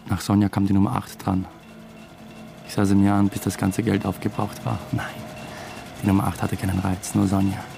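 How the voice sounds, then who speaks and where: Speaking over music, this low-pitched, creaky male voice stays completely flat at a normal speed. It belongs to an actor in a radio drama playing a weary, brooding man under suspicion, who tells his own story in first person. He sounds subdued and at times hesitant.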